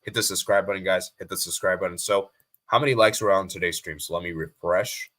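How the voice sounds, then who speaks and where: A man's voice: low-pitched, fairly quick, sharp tone. An American man hosting a live stream, chatting casually and reading viewer comments aloud, often repeating himself. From USA.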